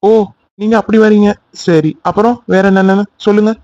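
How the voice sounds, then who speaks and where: A man's voice: high voice, steady tone, normal speed, a little mellow, dry recording, dull audio, lightly acted. A man voicing a young man in a cartoon love story, pleading insistently with his angry girlfriend. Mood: arguing. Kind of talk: cartoon voice acting.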